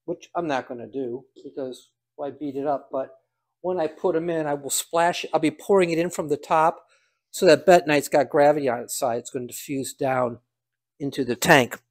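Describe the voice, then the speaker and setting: A man's voice: on the high side, fairly even intonation, normal speed. An older man giving a casual hands-on demonstration, talking aloud in a folksy, dryly humorous way. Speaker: home cider maker demonstrating.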